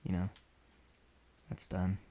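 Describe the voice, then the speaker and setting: A man casually rambling in an offhand, deadpan way while he plays a video game, often restarting his sentences. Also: slow. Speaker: solo podcaster playing a video game.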